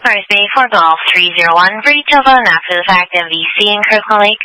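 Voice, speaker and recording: A woman police dispatcher speaks over the radio. Her delivery is rapid and clipped, with a bright, forward edge to the voice. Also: medium pitch, lively intonation, dry recording, rough recording.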